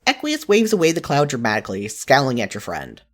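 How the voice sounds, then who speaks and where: In a fairly quick, mid-range voice, a narrator expressively performs a second-person tale, much like a fan fiction audiobook.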